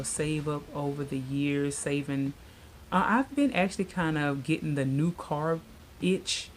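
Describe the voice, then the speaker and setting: This is a vlogger, a woman in her late thirties, chatting casually with her viewers and rambling with plenty of fillers. Her voice sits low and sounds a little mellow.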